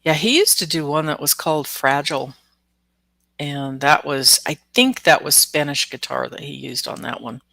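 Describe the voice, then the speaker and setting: Her voice is low-pitched and sharp, with vocal fry, at a normal speed, captured in a dry, clean studio recording. She's an oracle card reader hosting a live stream, casually chatting, laughing often, and calling out commenters by name, all while sounding congested and nasal from the flu.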